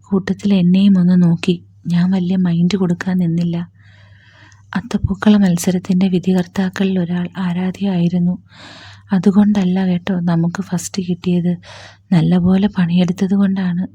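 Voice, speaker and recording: A woman reading a story aloud in a soft, even, hushed way. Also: on the low side, slightly rough, no room sound. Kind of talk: storytelling narration.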